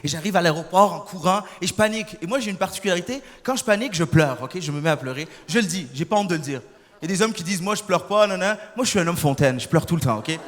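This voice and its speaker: A young man doing stand-up on a theater stage, animated and bursting into shouted impressions. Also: a little high, very fast. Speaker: stand-up comedian. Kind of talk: stand-up comedy set. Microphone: stage microphone. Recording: reverberant hall, faint audience noise.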